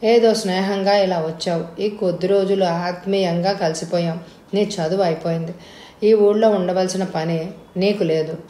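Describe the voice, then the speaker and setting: A woman's voice: lowish voice, steady tone, normal speed, warm tone, reverberant, slight background noise, natural voice. A woman voicing a worried, sad older father in a spoken storybook, resigned and pleading.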